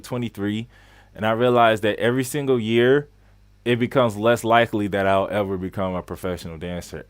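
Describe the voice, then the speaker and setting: His voice sits on the low side and the audio has no echo. He's a skate coach in his late twenties hosting an informal live-stream Q&A, talkative and repetitive for emphasis, greeting viewers by name without breaking stride.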